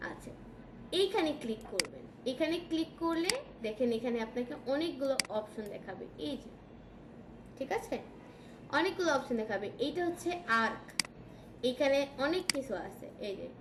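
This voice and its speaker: Female tutor with a Bangladeshi Bengali accent, high pitch, quizzes the class as she goes; roomy recording with audible noise. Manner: checks in often with questions to students. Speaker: design tutor. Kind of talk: classroom software lesson. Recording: echoey room with background noise.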